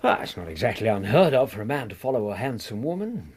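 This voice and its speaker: A sensible British doctor in a radio drama, loyal but quick to take offence. He speaks earnestly and plainly in a slightly rough, husky voice with lively intonation. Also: mid-range voice. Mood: puzzled, sceptical. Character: loyal, sensible gentleman doctor, easily affronted.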